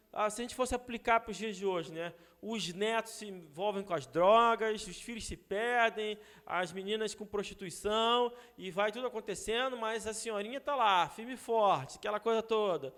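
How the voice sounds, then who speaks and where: A Brazilian man with a Brazilian Portuguese accent, teaching a Bible study in a relaxed, conversational way, often adding "né?" to check that his listeners follow. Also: high-pitched, in a large hall. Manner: conversational, frequent rhetorical "né?" asides. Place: church hall.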